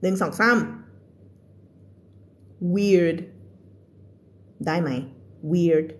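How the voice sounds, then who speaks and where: A woman's voice: lowish voice, steady tone, very slow. A young woman teaching English in a casual live stream, chatting and laughing with viewers between storybook passages.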